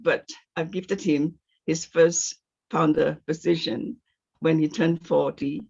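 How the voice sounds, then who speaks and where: An older woman from Singapore talks slowly on a video call, hesitating often and giggling between thoughts. Her voice has a gravelly edge. The call audio is muffled and lo-fi. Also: lowish voice. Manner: halting, giggly, many fillers. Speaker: meeting participant. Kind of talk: casual testimony.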